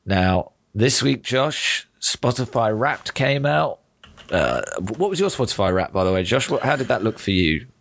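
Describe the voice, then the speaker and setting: A British man with a croaky, hoarse wintry voice, chatting casually as a podcast host. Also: mid-range voice, big pitch swings, unhurried, fairly bright tone, a little hiss or hum.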